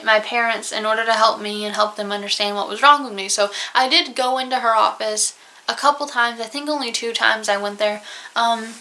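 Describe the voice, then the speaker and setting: A woman's voice: on the high side, pushed and bright. A young woman with a Southern US accent, talking openly to camera in a personal vlog about a hard year. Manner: open, emotional, close to tears at times. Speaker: vlogger. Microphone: camera mic, alone at home.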